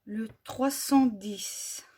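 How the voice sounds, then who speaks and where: A woman with a French accent casually reviewing glitter paint tubes, slowly listing colour numbers with frequent fillers. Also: fairly high pitch, warm tone, breathy edge. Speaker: vlogger.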